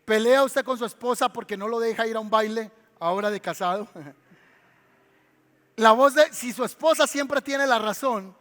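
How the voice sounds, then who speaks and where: A man with a Colombian accent preaches a sermon in a very high register. He drives his points home by repeating them and asking the congregation questions. His voice carries a long reverb from the church hall. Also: normal speed, a bit bright. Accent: Colombian Spanish. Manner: emphatic preaching, repeats key lines, asks the congregation questions. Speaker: pastor.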